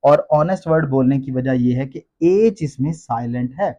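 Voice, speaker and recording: A man teaching a pronunciation lesson in a classroom style, who explains each rule slowly and says words and rules again and again. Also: medium pitch, dark tone. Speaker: English teacher.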